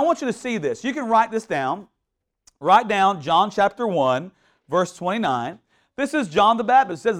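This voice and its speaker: A man preaching a sermon in an animated, conversational way, with frequent restarts and bursts of mock shouting. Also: high-pitched. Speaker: pastor.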